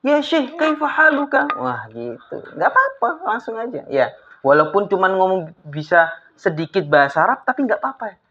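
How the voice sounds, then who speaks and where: A woman teaching an Arabic class to children, coaxing her pupils with lively questions. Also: on the low side, moderate pace. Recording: slightly dull lo-fi with faint noise.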